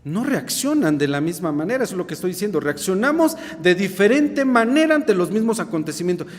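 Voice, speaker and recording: A man with a Mexican accent preaches in a high, lively voice that climbs and dips constantly. He keeps asking his listeners questions, and his words ring out with a long church-hall reverb. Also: brisk. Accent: Mexican Spanish. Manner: animated, acts out quoted dialogue, asks the congregation questions. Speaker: pastor. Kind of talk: evening sermon. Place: church sanctuary.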